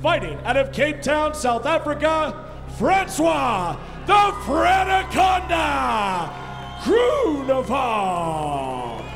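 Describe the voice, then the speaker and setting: A man making formal fight introductions as a ring announcer, booming and drawing out the fighters' names. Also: wildly swooping pitch, extremely slow, gravelly, shouting, long reverb tail, over music.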